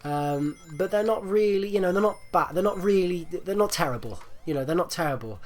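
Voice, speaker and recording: A man's voice: sits high, lively intonation, brisk, faint music behind. A man with a rattly, congested chest from flu, giving casual, rambling gameplay commentary with hesitant repetitions. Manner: hesitant, rambling, repeats himself. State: phlegmy, getting over flu. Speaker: gaming video host.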